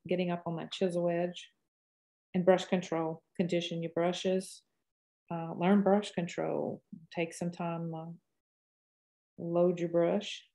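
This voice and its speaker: An older woman in her sixties with a Cajun accent speaks in a fairly low voice. She gives a casual painting lesson, wandering in a folksy way from tip to tip as she thinks out loud. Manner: rambling, folksy, thinks aloud while painting. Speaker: painting teacher. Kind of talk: casual live painting tutorial.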